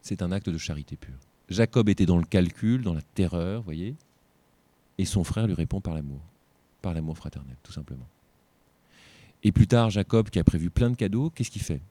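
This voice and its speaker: A man's voice: deep voice, lively intonation, moderate pace, long pauses, mellow, no room sound. A tired man teaching an informal Bible lesson, reading scripture aloud and breaking off for joking asides.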